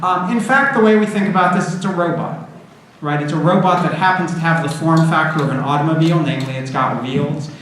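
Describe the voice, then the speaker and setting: Male university lecturer, conversational and informal, somewhat higher-pitched voice, strong room echo. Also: a little fast, fairly bright tone. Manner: informal, conversational, checks in with "right?" and "you know". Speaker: university computer science lecturer. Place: indoor lecture room with an audience. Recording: echoey room, audible background noise.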